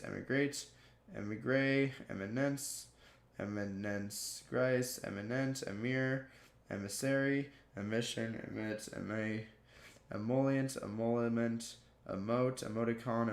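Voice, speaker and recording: A man's voice: lowish voice, creaky. A man reading dictionary entries aloud one word after another, with frequent stumbles and restarts. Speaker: video creator. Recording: echoey room.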